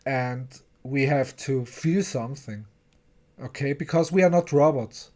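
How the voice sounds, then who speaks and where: Slow-talking reviewer, English speaker. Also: medium pitch, darkish tone. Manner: chatty, stumbling, repeats words, acts out characters' lines. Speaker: TV episode reviewer. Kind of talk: casual recap and review of a TV episode.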